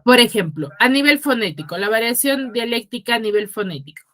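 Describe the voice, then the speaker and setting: Woman, Huaraz Peruvian accent, fairly high voice, online teacher, video-call audio, frequent tag questions. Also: expressive, a little fast, a bit bright. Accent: Peruvian Spanish from Huaraz. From Peru. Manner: checks in constantly with tag questions; questions students by name. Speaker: secondary school teacher. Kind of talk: online class lecture.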